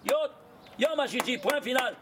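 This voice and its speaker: A rabbi teaching a lively Torah lesson, quizzing his students with quick rhetorical questions and mixing in Hebrew terms. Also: very high voice, background noise.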